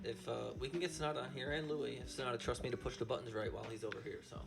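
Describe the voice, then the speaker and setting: A man's voice: mid-range voice, racing, vocal fry, music in the background. A man co-hosting a live stream, talking casually and hesitantly, often repeating words. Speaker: co-host.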